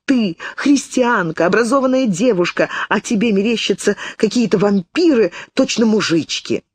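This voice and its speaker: A woman's voice: medium pitch, lively intonation, moderate pace, slightly rough, pitched above the performer's own voice. A woman reading an audiobook, voicing a firm older sister who scolds and steadies her younger sibling. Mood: stern. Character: stern, protective older sister.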